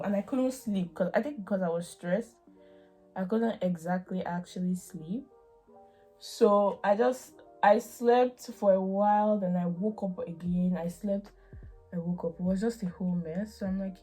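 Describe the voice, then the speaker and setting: A young woman vlogger telling a storytime while doing her makeup, animated and acting out what people said. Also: medium pitch, moderate pace, husky. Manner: animated, acts out quoted people. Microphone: camera mic, seated at table. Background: faint background music.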